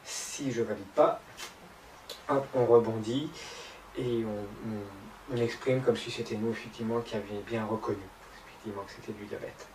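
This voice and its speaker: A man's voice: on the low side, fairly even intonation, moderate pace, a little mellow, a little hiss or hum. A man giving sarcastic, mocking commentary over a video. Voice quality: mocking, teasing. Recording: roomy, distant mic, faint music.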